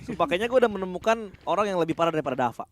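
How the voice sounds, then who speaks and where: A man's voice: sits high, animated, racing, noisy background. A man with a Jakarta Indonesian accent giving live esports commentary mixed with slangy, joking banter.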